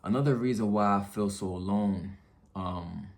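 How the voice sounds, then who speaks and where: A gravelly, fairly low male voice speaks at a moderate pace. The man, a YouTube vlogger, vents casually and earnestly to his viewers, using slang, repeating phrases for emphasis and often checking in with them.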